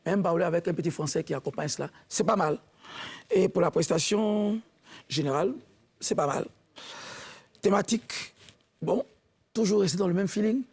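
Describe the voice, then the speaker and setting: A man sits on a talent show jury and weighs up a performance. His voice is gravelly and husky, slightly raised in pitch, and he talks in a measured, halting way. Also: darkish tone. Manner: measured, halting, repeats words. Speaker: jury member. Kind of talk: spoken critique of a contestant.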